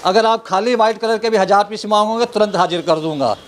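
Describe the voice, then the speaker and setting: Male shop seller, high register, insistent teleshopping patter, noisy recording. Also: brisk. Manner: insistent, repetitive showman-like patter. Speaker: wholesale clothing seller. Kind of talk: eager teleshopping-style sales pitch. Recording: clear background noise.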